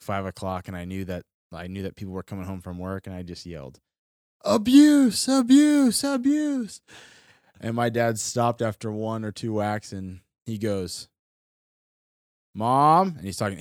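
A man's voice: low-pitched, a little mellow, no echo, studio quality. A young man from Florida telling a childhood story as a podcast co-host, in a rambling, casual way full of fillers and restarts. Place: studio.

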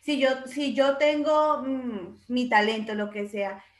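A woman's voice: on the high side, takes it slowly. A woman, co-hosting a casual podcast and reflecting on ideas by working through her own examples. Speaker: podcast co-host. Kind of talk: casual conversation. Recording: roomy echo.

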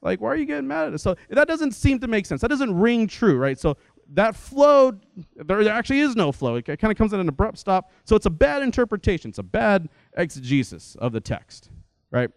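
A young adult man giving a lecture-style talk in a lively, conversational way, often checking in with his listeners. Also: high-pitched, brisk, clear, resonant tone, no echo. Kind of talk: lecture to an audience.

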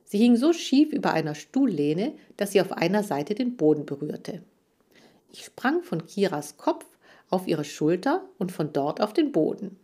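A woman narrating a children's story for an audiobook. Her reading is lively and expressive. Her voice sits slightly low for a woman. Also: unhurried.

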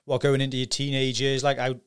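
A man's voice: mid-range voice, completely flat delivery, fast talker, smooth. A man hosting a podcast interview, matey and casual, swearing now and then. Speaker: podcast host.

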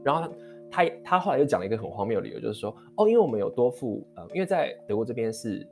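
A man, telling a heated anecdote in a storytelling vlog, quick and rambling with many restarts. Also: medium pitch, gravelly. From Taiwan. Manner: animated, heated retelling of an anecdote. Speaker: vlogger. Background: faint guitar music.

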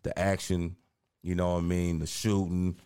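A man's voice: low voice, flat delivery, normal speed, mellow, clean tone. A man co-hosting a podcast in casual chat, laid-back and slangy, often tagging on "you know what I mean". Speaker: podcast co-host.

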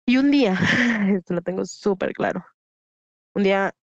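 Mexican woman guest, lively candid storyteller, muffled dry recording. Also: mid-range voice, a little slow, creaky, no room sound. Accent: Mexican Spanish. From Huasteca region, Mexico. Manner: animated, acts out quoted voices, frequent fillers. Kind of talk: candid personal storytelling in a podcast interview. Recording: dull lo-fi dry sound.

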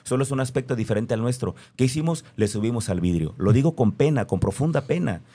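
A man's voice: medium pitch, animated, fast talker, warm tone, slightly rough. A man with a Mexican accent speaking earnestly in a reflective conversation, stressing his points by repeating them.

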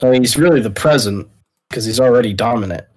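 A man's voice: mid-range voice, quick pace, low-quality recording. A man co-hosting a casual sports podcast, arguing his opinions bluntly in loose, informal speech. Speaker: podcast co-host.

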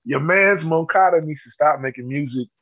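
A man's voice: fairly high pitch, moderate pace, narrow, tinny audio. A man in a casual sports chat, making emphatic, profane points.

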